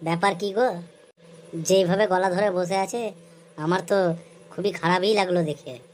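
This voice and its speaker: A woman playing a gossipy male friend who reports the wife's affair in a comedy skit, in a plain mid-pitched voice. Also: steady tone, moderate pace, darkish tone, a little hiss or hum, close to an everyday voice.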